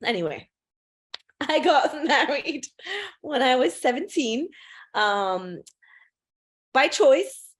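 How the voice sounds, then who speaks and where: A woman's voice: sits high, very animated, slow pace, pauses often, husky. A woman in her thirties, a photographer giving a class in a chatty, self-deprecating way, with many fillers and restarts. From United States and United Kingdom. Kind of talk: casual presentation talk.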